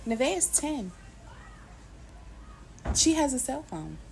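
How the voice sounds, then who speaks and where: A woman's voice: sits high, very animated, slow pace, creaky, a little mellow, a little hiss or hum, poor audio. A woman in her thirties, a podcast co-host, chatting casually and emphatically, often laughing. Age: 30s. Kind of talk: casual chat.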